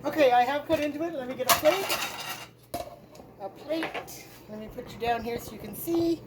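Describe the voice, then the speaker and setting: A woman hosting a home cooking video, chatting in a homey way and tasting as she goes in her kitchen. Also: high-pitched. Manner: chatty, slow and homey, talking with her mouth full. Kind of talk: casual cooking demonstration. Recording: audible background noise.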